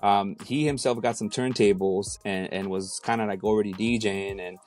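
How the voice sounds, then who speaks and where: A man's voice: on the low side, normal speed, faint music behind. Laid-back man from Mexico City. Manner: relaxed, many fillers and restarts. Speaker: guest, DJ and rapper. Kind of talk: casual interview.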